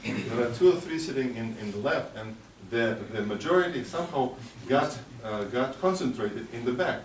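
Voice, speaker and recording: Heard from a distance in a noisy, echoey conference hall, a man with a mid-range, expressive voice gives a motivational speech to a youth conference at a ceremony, taking audience questions. He speaks at normal speed, with an encouraging yet hesitant delivery.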